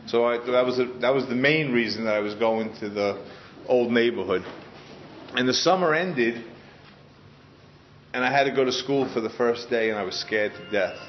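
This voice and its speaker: A man's voice: mid-range voice, moderate pace, long pauses, a little hiss or hum. Earnest New man sharing his story. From Queens, New York. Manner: earnest and heartfelt, with frequent restarts. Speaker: speaker sharing his story at a recovery meeting. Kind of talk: personal testimony to a group. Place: meeting room in front of a group. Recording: dull lo-fi sound.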